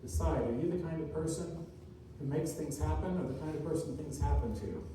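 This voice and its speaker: A male motivational speaker and author, his voice on the high side, inspires a seminar audience in a large indoor room. Earnest and deliberate, he leans on short, emphatic phrases that he repeats. The recording is distant and echoey, with faint background noise.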